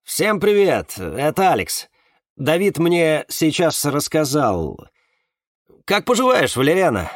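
An evasive, soothing man on a speakerphone, voiced by a male narrator. His voice rides higher than the narrator's, louder, with lively rises as he calms others. Dry, close sound. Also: takes it slowly, dry recording, full character voice. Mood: placating. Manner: placating.

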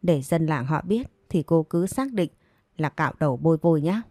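A woman's voice: deep voice, animated, moderate pace, darkish tone, dry recording, studio quality. A woman voicing a stern village mother who scolds her pregnant daughter sharply. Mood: scolding.

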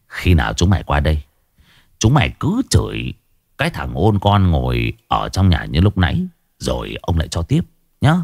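A man's voice: very deep voice, wildly swooping pitch, normal speed, vocal fry, no room sound, clean studio sound, pitched below the performer's own voice, heavily acted. A man voicing a sly, mocking bald older man. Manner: sneering, taunting.

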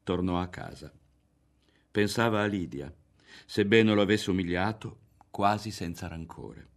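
A man narrating a novel aloud in a calm, measured reading. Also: deep voice. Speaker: audiobook narrator. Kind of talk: literary reading.

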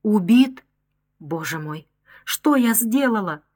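A woman's voice: medium pitch, animated, takes it slowly, a little mellow, breathy edge. A woman voicing a desperate middle-aged mother in an audiobook, crying out in anguish. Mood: despairing.

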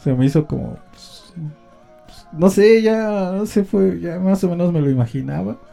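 With soft music in the background, a man with a high-sitting, gravelly, dark-toned voice recounts a personal story at normal speed. He's a Mexican host of a homemade radio show, and his Mexican Spanish monologue wanders, full of slang, fillers and tag questions.

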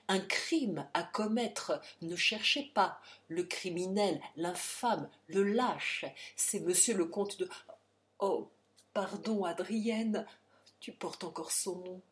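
Woman voicing a frantic, shouting father. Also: lowish voice. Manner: pleading, urgent, breaking into shouts. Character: anguished wealthy man, desperate father. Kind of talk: dramatic audiobook reading.

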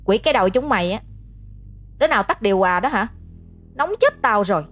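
A woman's voice: medium pitch, expressive, fast, fairly bright tone, natural voice. A woman voicing a bossy, short-tempered female coworker who scolds the others. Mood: irritated. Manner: snapping, scolding.

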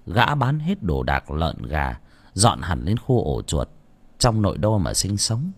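Husky, lively male audiobook narrator. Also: lowish voice, dry recording. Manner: expressive, lively storytelling. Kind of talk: storytelling narration. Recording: dry close mic with faint background music.

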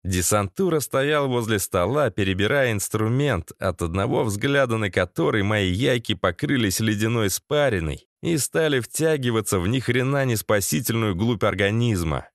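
A man's voice: on the low side, lively intonation, normal speed, few pauses, no room sound, clean studio sound. A man narrating a crude first-person action story in a sardonic, profane tone. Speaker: audiobook narrator.

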